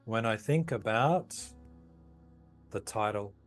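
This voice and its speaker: A man calmly leading a guided tapping session, giving slow, soothing instructions. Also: lowish voice, faint music behind. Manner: calm, slow, soothing guidance. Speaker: tapping practitioner.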